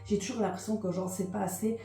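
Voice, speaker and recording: A woman's voice: medium pitch, steady tone, fast talker, mellow, roomy sound, soft background music. A woman from Liège with a Belgian French accent, chatting hesitantly in a vlog, with lots of fillers and repetitions. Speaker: vlogger. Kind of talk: casual confessional chat.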